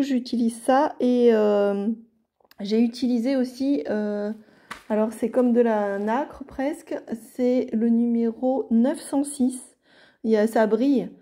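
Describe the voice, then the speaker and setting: A French woman calmly narrating a watercolour card tutorial in a casual way, with many fillers and restarts. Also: medium pitch. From France. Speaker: card-making artist.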